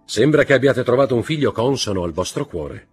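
A man's voice: mid-range voice, animated, fairly quick, breathy edge, faint music behind, pitched above the performer's own voice. A man reading a suave courteous count. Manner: polished and courteous. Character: suave worldly count, composed host.

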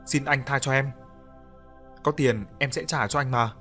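A man's voice: medium pitch, steady tone, measured pace, bright, forceful tone, faint music behind. A man voicing a desperate father in debt, who pleads and cries out in an audio story. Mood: pleading. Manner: pleading, then screaming. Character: desperate grieving indebted father.

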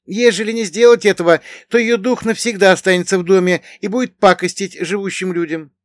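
Man doing a loud, high-pitched village lad. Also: brisk, dry recording, studio quality, lightly acted. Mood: explaining. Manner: raised, excited, loud delivery.

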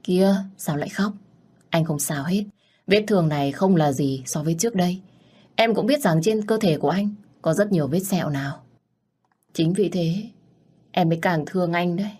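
A woman voicing a tender, playful young husband, speaking softly and affectionately. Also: lowish voice, normal speed, breathy edge.

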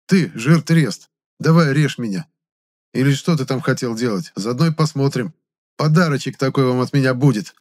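A man's voice: mid-range voice, lively intonation, normal speed, a little mellow, pitched above the performer's own voice, natural voice. Defiant young hero who sneers at his captors, read by a man in a lifted, mocking voice. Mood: taunting. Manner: mocking, taunting. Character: cocky young male necromancer hero, defiant.

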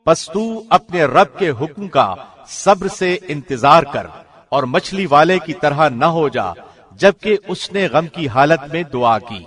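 A man reads a scripture translation formally, like a professional radio presenter, in a solemn, measured, clearly articulated way. His voice sits slightly high, with lively intonation and a somewhat bright tone.

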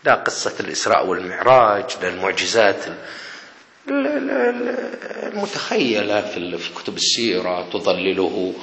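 A man's voice: lowish voice, huge pitch swings, moderate pace, vocal fry, a bit bright. A man, a professor giving a critical lecture-style talk in a sarcastic manner. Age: 40s. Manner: sarcastic, mimics dialogue. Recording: echoey hall with faint noise.

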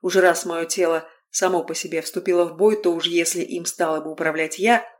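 A woman's voice: fairly low pitch, fairly even intonation, fairly quick. Woman narrating an audiobook with wry humor. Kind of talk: first-person fiction narration.

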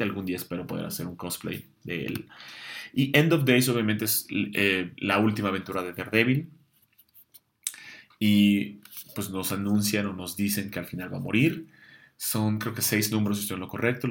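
Casting: young host, gravelly low voice, loose talk with plenty of fillers. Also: male voice, fairly bright tone. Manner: chatty, many fillers and restarts. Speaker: comics show host. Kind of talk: casual comics chat answering viewer questions.

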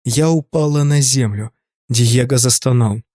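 A man narrating a first-person audiobook in an even, steady storytelling manner. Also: mid-range voice, measured pace, no echo, studio quality. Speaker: audiobook reader.

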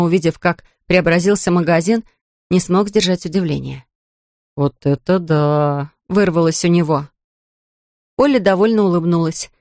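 An audiobook narrator reading scripted narration smoothly and evenly, close to a dry studio mic. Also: mid-range voice, darkish tone, no room sound.

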